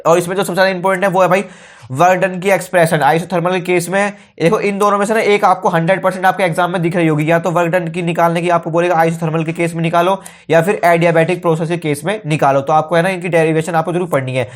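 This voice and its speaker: A young man teaching exam tips in a brisk, informal way, often saying okay. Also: high voice, little pitch movement.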